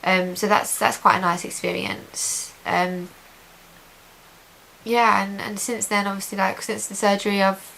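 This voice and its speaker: Woman chatting to camera for a diary update, upbeat words but pretty flat intonation, bit of hiss. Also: medium pitch, a little slow, vocal fry, rough recording. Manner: chatty, repeats intensifiers, positive and reassured. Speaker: patient giving a video diary update. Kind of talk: casual chat to camera. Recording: hissy home recording.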